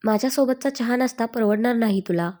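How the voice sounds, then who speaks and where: A woman's voice: fairly high pitch, a little fast, warm tone, natural voice. A woman reading a story aloud, voicing a confident, stern young police officer who speaks with a threatening edge.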